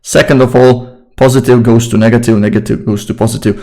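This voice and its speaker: A young man with a Slovak accent explains English grammar in a loose, informal way and often repeats himself. His voice sits at a mid pitch, and a keyboard clacks now and then behind him. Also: brisk, rough recording. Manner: relaxed, informal and chatty, repeats phrases. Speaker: English teacher. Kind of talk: casual online grammar lesson.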